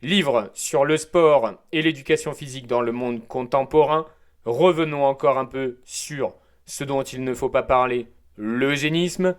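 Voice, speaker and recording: A man's voice: mid-range voice, steady tone, measured pace. A man hosting a prepared solo talk show, delivering an opinionated, provocative monologue with wordplay asides and frequent hesitations. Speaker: show host.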